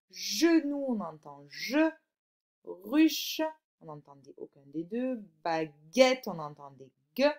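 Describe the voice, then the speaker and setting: A woman teacher giving a recorded phonics lesson to a young child, slowly stretching out example words and checking in with "d'accord?". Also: mid-range voice, a little mellow. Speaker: primary school teacher.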